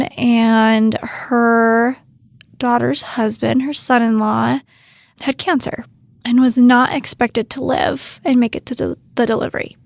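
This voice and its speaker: A woman doula and podcast co-host, telling a moving story softly, holding back tears. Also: a little high, creaky, no echo. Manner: emotional, soft-spoken, holding back tears. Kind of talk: casual storytelling. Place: Utah.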